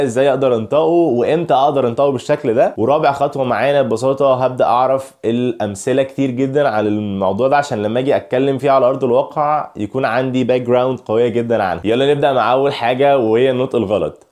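Young egyptian guy teaching pronunciation online, says each word slow over and over. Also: mid-range voice, a little mellow. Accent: Egyptian Arabic. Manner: repeats each drill word slowly several times.

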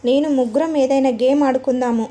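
A woman's voice: high-pitched, steady tone, quick pace, dark tone. A woman voicing a cheerful young aunt who coaxes a child to play. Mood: coaxing.

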